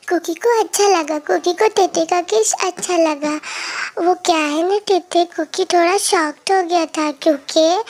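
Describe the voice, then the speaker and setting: Girl voicing a pouty babyish guy, calls himself by name, very high voice. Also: a little mellow. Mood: sulky. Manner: talks about himself in the third person, pleading. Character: childlike young man in little space, sulky and clingy. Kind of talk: fan-fiction story voice acting.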